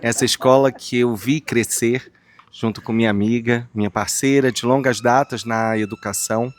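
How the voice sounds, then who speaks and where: A Brazilian man speaking as a guest psychologist on a podcast, talking in a warm, rambling way with frequent tag questions. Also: mid-range voice, fairly even intonation, moderate pace. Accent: Brazilian Portuguese. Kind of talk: casual podcast conversation.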